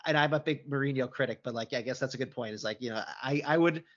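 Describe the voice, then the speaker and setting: Dude hosting a football chat, hedges a lot, kinda dull lo-fi sound. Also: male voice, medium pitch, fast. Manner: thoughtful, hedging, talks things through. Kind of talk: casual football debate.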